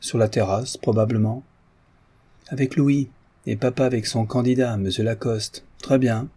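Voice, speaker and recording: A man reading an audiobook, voicing a gentle, reserved young woman who speaks softly. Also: medium pitch, steady tone, moderate pace, husky, lightly acted.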